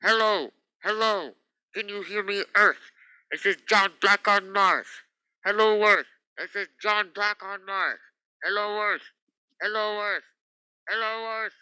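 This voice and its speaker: A man's voice: high-pitched, steady tone, measured pace, pauses often, sharp tone, smooth, no echo, full character voice, low-quality recording. A man playing a desperate, pleading space captain stranded alone on Mars, in old radio drama style. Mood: desperate calling. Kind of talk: 1940s-50s radio drama acting.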